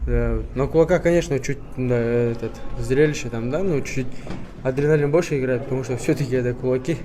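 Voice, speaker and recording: A man from Kyrgyzstan, a fighter giving casual interview answers just after a bout, winded and coughing a little, in halting phrases. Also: medium pitch, mellow. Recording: busy crowd noise behind. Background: crowd at a fight event.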